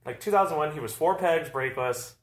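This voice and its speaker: A man's voice: fairly high pitch, quick pace. A man in his thirties from Arizona, co-hosting a casual chat and telling loose, rambling stories about riding. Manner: rambling storyteller, loose and laid-back. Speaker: podcast co-host, BMX rider. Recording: echoey room.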